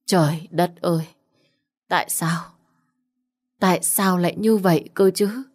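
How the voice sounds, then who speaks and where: A woman's voice: fairly low pitch, unhurried, darkish tone. A woman voicing a distraught older mother who wails and demands answers. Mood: wailing. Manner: wailing, distraught. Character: older mother, grief-stricken and accusing.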